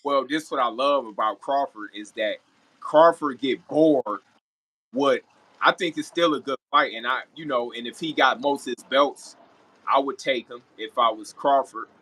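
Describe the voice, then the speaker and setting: A man talks as a guest commentator in a casual sports reaction video. His voice is mid-pitched, forceful and rough-edged, and he is opinionated, often doubling back on phrases for emphasis. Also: moderate pace, low-quality recording.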